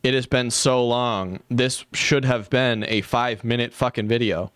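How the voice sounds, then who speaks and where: A man with an everyday mid-range voice reacts to a video for his stream chat. He is sarcastic and quick to swear. The sound is dry and close, with no room around it. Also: medium pitch, steady tone, a bit bright, smooth, dry recording. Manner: sarcastic, profane asides to chat. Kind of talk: live stream reaction commentary.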